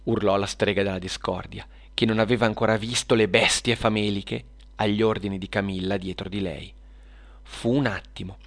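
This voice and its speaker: A man narrating a scripted children's story in a steady, lively way. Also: lowish voice, moderate pace, creaky.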